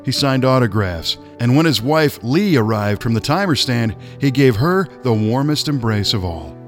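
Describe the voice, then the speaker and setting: Male narrator, mid-pitched, scripted nonfiction reading, measured pacing, guitar softly behind. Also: lively intonation.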